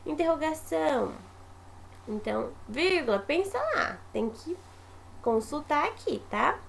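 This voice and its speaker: A woman teacher with a high voice talks her young pupils through a home lesson. She explains patiently and step by step, and her tone has a gravelly fry at the edges. A faint hiss sits under her voice. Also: expressive, measured pace.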